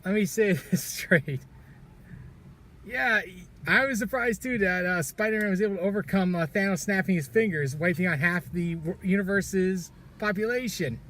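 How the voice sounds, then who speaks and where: A man's voice: high voice, normal speed, fairly bright tone. A man giving a casual film review in a parking garage, chatting loosely, laughing often and stumbling over his words. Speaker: movie reviewer.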